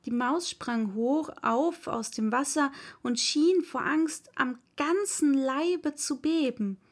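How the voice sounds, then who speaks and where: Slow, high-voiced woman narrating a storybook. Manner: calm, measured storytelling. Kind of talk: audiobook narration of a classic tale.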